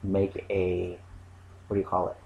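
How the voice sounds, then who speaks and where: A man in casual chat, rambling and halting with lots of ums. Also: low-pitched, completely flat delivery, gravelly, muffled recording.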